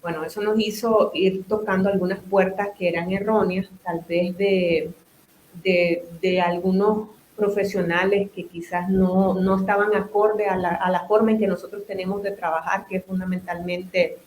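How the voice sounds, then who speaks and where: A reverberant recording with slight background noise captures a medium-pitched, slightly mellow woman speaking at a moderate pace with fairly even intonation. She's from Nicaragua, owns a business and practices psychotherapy, and as an interview guest she talks a lot, explaining at length with asides and restarts.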